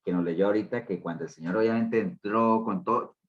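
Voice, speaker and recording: A man's voice: lowish voice, brisk, phone-quality sound. A man leading a group Bible study in an easygoing, conversational way. He keeps turning to his listeners with little tag questions. His phrasing often restarts mid-sentence. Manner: talks in loose, restarting phrases.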